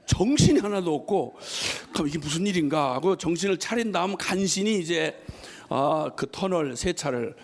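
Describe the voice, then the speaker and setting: A middle-aged man preaching a sermon, telling a personal story in an animated way and acting out the lines of an angry man with laughter. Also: a little high, normal speed. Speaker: missionary preacher.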